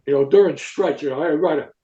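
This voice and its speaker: An older man, a retired football coach, telling rambling, animated stories in a podcast interview and tagging lines with "right?" and "okay?". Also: a little high, fast. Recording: echoey room, dull lo-fi sound.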